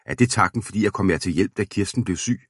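Storybook maid, coy and tender, read by a man, husky, dry. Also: sits low, no echo, pitched above the performer's own voice. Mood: reproachful. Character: young peasant woman, coy and anxious.

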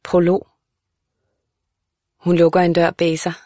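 A woman reads a literary audiobook in a calm, measured voice that sits a little low. The sound is dry and close, with no room around it. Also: no room sound. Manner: calm, measured, even reading. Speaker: audiobook narrator. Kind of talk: scripted literary narration.

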